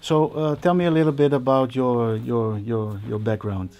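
Speaking at a moderate pace in a mid-range, somewhat dark voice with a steady tone, this host, a percussionist in his forties with a Dutch accent, holds a casual interview with other musicians. They're in an indoor music studio set up with a stage.

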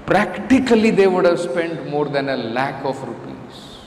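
A man's voice: a little high, lively intonation, a little slow. A middle-aged man with an Indian accent giving an emphatic scripture lecture, repeating phrases for stress. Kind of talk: scripture lecture with everyday examples. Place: indoor temple lecture room. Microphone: stand microphone close to the mouth. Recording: roomy hall reverb, faint background noise.

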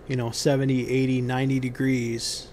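A man giving unscripted how-to instructions on a building site outdoors, pausing often with ums and restarting his sentences. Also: mid-range voice, flat delivery, darkish tone, a little hiss or hum. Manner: halting, many ums and restarts.

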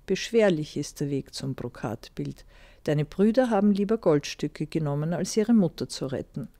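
A woman's voice: low-pitched, lively intonation, normal speed, dark tone. A teasing old mountain woman, as a woman reads her. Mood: calm. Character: mysterious old woman guarding a mountain path.

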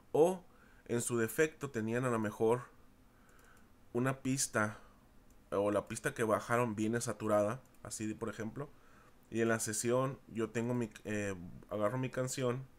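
Casual teacher talking to students. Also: male voice, mid-range voice. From Mexico. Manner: informal, repeats himself, addresses students as chicos. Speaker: university audio recording teacher. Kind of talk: screen-recorded class lecture.

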